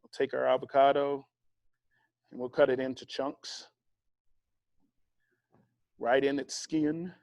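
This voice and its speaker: A man leading a casual cooking demonstration, chatty and relaxed, explaining each step with fillers and friendly asides. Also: mid-range voice, slow pace, vocal fry, long pauses, no echo. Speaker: cooking instructor.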